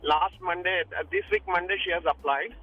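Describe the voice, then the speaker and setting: A man's voice: high-pitched, wildly swooping pitch, fairly quick. A man calling a radio advice show on speakerphone while driving in the rain, asking his questions hesitantly with many restarts. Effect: calling from a moving car on speakerphone. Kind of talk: phone-in question. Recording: muffled lo-fi phone line from a car.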